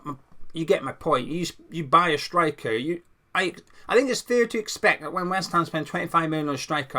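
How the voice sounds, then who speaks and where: A young man with a croaky voice that is a little high, pushed, and bright hosts a channel, sharing his football opinions in a casual, conversational monologue with some restarts.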